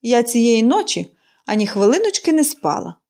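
A woman's voice: on the high side, very animated, moderate pace, dark tone. Woman reading as a dry, peevish invalid. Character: bitter bedridden woman of forty. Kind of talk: audiobook character reading.

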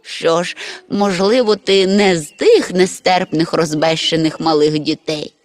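Woman reading a cranky old stork, slow stern grumbling, storybook. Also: fairly low pitch, natural voice. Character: grumpy old male marabou stork, stiff and proud.

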